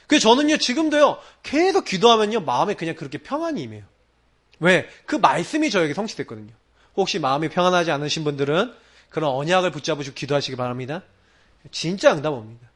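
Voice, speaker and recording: A man preaching a late-night church sermon, telling the story with animated quoted voices. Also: on the high side, fast talker. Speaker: pastor. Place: church sanctuary.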